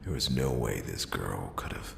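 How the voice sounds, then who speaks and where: A man voicing a world-weary noir detective in an ASMR role-play, brooding and halting, with dramatic pauses and a gravelly, breathy voice. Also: very deep voice, expressive, echoey room, a little hiss or hum, exaggerated voice. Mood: brooding, regretful. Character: world-weary male noir detective piecing together a murder.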